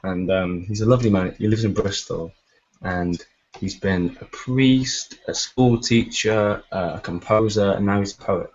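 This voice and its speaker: A man with a fairly low voice reads poetry aloud and chats between pieces, his delivery dry and deadpan. The audio is muffled and lo-fi, like a livestream. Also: measured pace. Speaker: poet and host. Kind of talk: poetry reading and casual chat.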